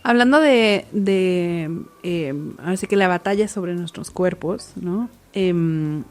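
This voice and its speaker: A woman's voice: on the low side, takes it slowly. Woman host asking winding questions. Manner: asks long, winding questions, punctuated by tag questions. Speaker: podcast host and interviewer. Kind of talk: podcast interview questions.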